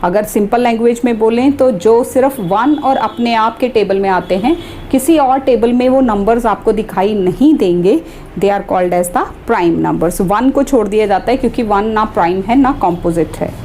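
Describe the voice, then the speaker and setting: Woman math teacher, slightly high, deliberate step-by-step delivery. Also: dark tone, slight background noise. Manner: slow, deliberate explaining, mixing English terms into Hindi. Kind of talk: step-by-step classroom lesson.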